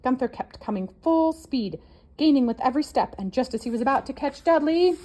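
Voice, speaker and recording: A woman reading a children's picture book aloud, expressive and animated. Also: a little fast. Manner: expressive, with wide swings in pitch. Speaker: storybook reader.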